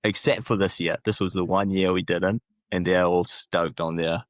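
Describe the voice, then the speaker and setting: This young New Zealand man has a low-sitting voice, a steady tone and a moderate pace, recorded dry. As a podcast guest in a casual chat, he tells laid-back stories, swearing and laughing often.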